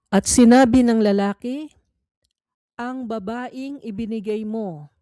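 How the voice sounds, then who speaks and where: Speaking in a fairly high, dark-toned voice, a Filipino woman narrates a read-along Bible quiz from a script. She is measured and deliberate, leaving pauses between phrases, with no echo in the audio.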